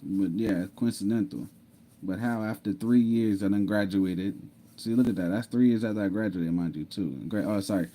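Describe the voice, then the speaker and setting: A man's voice: lowish voice, normal speed, warm tone, slight background noise. A man casually telling his own story to viewers, repeating himself, laughing and saying "mind you". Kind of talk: casual storytelling over screen share.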